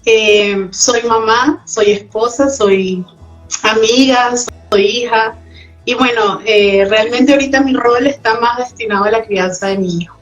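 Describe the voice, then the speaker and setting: A woman's voice: a little high, unhurried, muffled recording, soft background music. A Venezuelan woman with a Venezuelan accent, a guest talking reflectively in a casual interview chat. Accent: Venezuelan Spanish. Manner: reflective, often adds tag questions.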